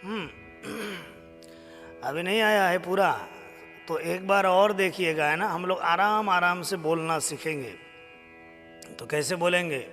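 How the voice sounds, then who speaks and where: High-voiced man teaching chanting slowly. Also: bright, forceful tone, big-room sound, faint music behind. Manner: chants verses slowly, then coaxes viewers to repeat. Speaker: stotra recitation teacher. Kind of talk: live stream chanting lesson.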